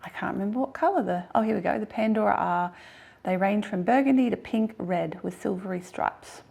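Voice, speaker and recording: An Australian woman talks casually to camera in a husky, hoarse voice. Her delivery has a heavy gravelly fry running through it, at a middling pitch. She is chatty and self-deprecating, laughing easily between thoughts. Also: fairly quick, a little mellow. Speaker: gardening vlogger.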